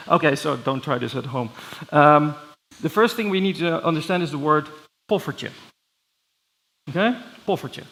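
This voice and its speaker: A middle-aged Dutch man with a Dutch accent, giving a playful, energetic conference keynote, full of fillers and restarts. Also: fairly high pitch, a little fast, vocal fry, rough recording. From Netherlands. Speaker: keynote speaker. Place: large conference hall with audience.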